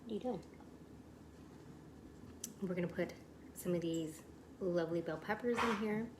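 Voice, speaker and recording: A woman's voice: lowish voice, moderate pace, noisy background. A woman hosting a casual home cooking show, chatting enthusiastically to her viewers as she demonstrates a recipe in her kitchen. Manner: chatty, enthusiastic, addresses viewers as "you guys".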